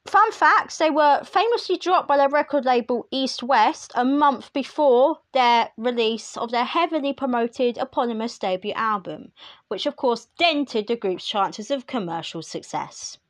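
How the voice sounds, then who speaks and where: A woman's voice: fairly high pitch, expressive, a little slow, no room sound, studio quality. A woman hosting a music podcast, reading release lists in a chatty way with wry asides to the listener. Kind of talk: casual solo commentary.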